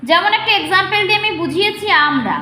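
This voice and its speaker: High, bright-voiced woman teaching a lesson. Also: expressive, fast. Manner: explains step by step, checks understanding with questions. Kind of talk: explaining a lesson to students. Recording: echoey room.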